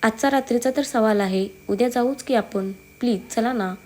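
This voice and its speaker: A woman's voice: a little high, normal speed, mellow, close to an everyday voice. A woman voicing a pleading, pouty young wife with a childlike manner.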